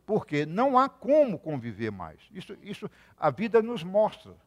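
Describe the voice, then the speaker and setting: Brazilian guy preaching, high lively voice, big reverby hall. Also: moderate pace. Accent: Brazilian Portuguese. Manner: animated, talks to the congregation with questions and sudden loud outbursts. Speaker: rabbi. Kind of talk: sermon.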